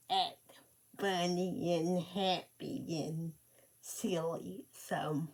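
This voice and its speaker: Slow, halting young woman telling her story. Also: mid-range voice, mellow. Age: late 20s. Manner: slow and halting, with many pauses. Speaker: vlogger. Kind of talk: personal storytelling.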